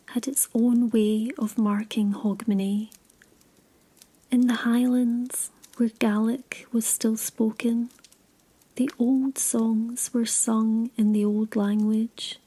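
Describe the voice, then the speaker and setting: Sleep story narrator: woman, breathy whisper, soft and dark in tone, soothing, slow scripted read. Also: a little high, poor audio.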